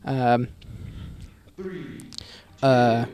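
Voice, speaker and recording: A man's voice: medium pitch, level tone, a little mellow, clean tone, no room sound. Rambling man giving video commentary. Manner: rambling, halting, many fillers and restarts. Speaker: web series creator.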